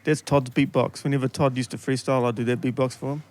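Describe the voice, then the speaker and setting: A man's voice: medium pitch, level tone, quick pace, darkish tone. A man hosting a casual podcast chat, laid-back and joking, swearing freely. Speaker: podcast host.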